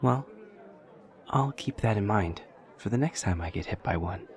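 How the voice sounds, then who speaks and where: This intimate audio roleplay features a man with a lowish voice playing a literal-minded, awkward and earnest demon college student. His stilted, overly precise deadpan comes with hesitant pauses and a puzzled, earnest mood, and some chatter sounds in the background.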